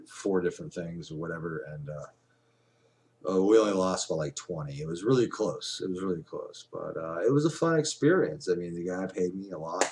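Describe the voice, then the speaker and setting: A man's voice: sits low, a little mellow, slight background noise. A man in his forties chatting casually to a webcam at home, rambling with lots of fillers and restarts. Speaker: vlogger. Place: small room indoors at home. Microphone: webcam at desk.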